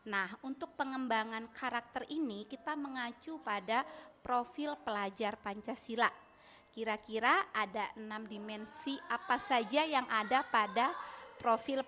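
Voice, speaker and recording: A woman's voice: on the high side, fairly bright tone, slight background noise. A woman teacher from Bandung with an Indonesian accent giving an upbeat training presentation to colleagues, often asking them to reply. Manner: upbeat, asks audience for replies.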